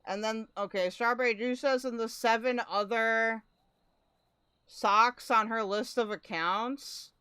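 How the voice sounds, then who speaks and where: Bright, clear-voiced woman streamer. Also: a little high, fairly even intonation, slow, no room sound. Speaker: streamer reacting to a recording. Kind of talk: casual live commentary, reading chat aloud.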